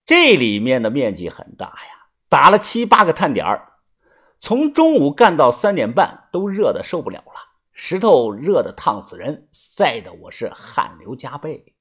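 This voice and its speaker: A man's voice: fairly high pitch, huge pitch swings, normal speed, fairly bright tone, slightly rough. A male storyteller reading a serialized tale in a chatty, informal way. His voice rises and falls a great deal. He often draws out the small particles at the ends of his phrases. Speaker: audiobook narrator. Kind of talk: storytelling narration.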